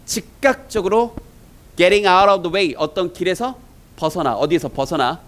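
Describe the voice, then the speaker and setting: Man lecturing on English exam questions, lively swooping pitch, higher voice, asks students questions constantly. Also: measured pace, low-quality recording. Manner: animated, rhetorical questions to students. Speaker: English teacher.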